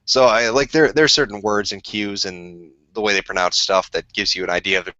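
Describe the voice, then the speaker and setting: A man's voice: lowish voice, steady tone, brisk, sharp tone, no room sound, muffled recording. A drunk man from Minnesota with a Minnesota accent, rambling crudely in casual livestream chat and laughing often. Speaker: streamer.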